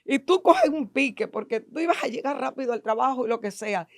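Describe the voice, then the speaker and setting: A woman's voice: high-pitched, lively intonation, fairly quick, no room sound, studio quality. A middle-aged woman with a Dominican accent, a guest expert explaining emotions in an emphatic, lecturing way full of rhetorical questions. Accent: Dominican Spanish. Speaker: guest expert in neuro-linguistic programming. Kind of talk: podcast interview explaining to an audience.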